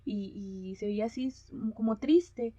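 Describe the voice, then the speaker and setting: Lady giving a church conference talk, lots of "este" and "em", warm voice, kinda muffled lo-fi audio. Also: fairly high pitch, moderate pace, no echo. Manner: hesitant, many fillers, reads Bible passages aloud. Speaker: conference speaker. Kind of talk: conference talk on mission and culture. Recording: dull lo-fi sound.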